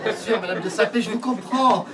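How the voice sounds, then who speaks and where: A woman's voice: medium pitch, fairly quick, a crowd in the background, lightly acted. An actress playing a flustered, exasperated woman judge presiding over a trial in a stage comedy, repeating her orders sternly. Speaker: court president. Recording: distant stage mic with audience laughter.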